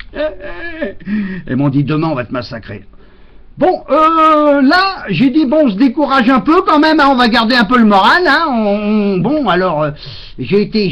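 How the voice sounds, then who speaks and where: A man doing a rambling, exasperated comic monologue into a webcam at home, full of fillers and mock rants. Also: fairly high pitch. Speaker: comedian. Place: home, indoors. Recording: dull lo-fi webcam audio.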